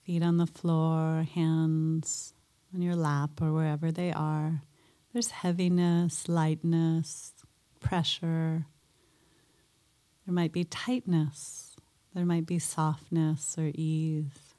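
A woman guiding a mindfulness meditation in a soft, gentle way, pausing often between phrases. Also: sits low, flat delivery. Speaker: meditation teacher.

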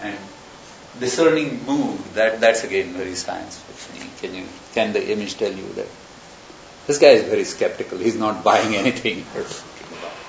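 A gravelly, lowish male voice delivers a university lecture at a moderate pace, rambling through ideas and examples as he thinks aloud. Recorded in a lecture room, the sound is roomy and dull, with hiss.

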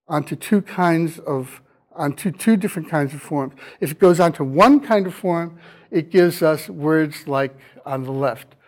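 A man's voice: on the high side, a little mellow. A man giving a university lecture, questioning his students and dropping dry wordplay jokes. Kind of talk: classroom lecture.

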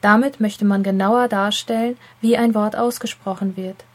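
Clear, deliberate woman explaining a lesson. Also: medium pitch, fairly even intonation. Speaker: teacher. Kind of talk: scripted educational narration.

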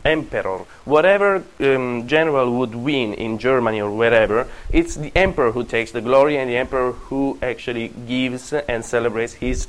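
An Italian-accented university lecturer with a medium-pitched voice teaches a class, often wandering off topic, correcting himself, and joking with students. The recording quality is low.

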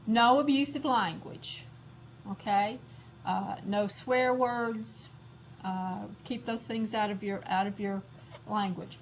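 A woman giving a lecture on classroom discipline, slow and deliberate, repeating her key points. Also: medium pitch, fairly even intonation, a little hiss or hum, poor audio.

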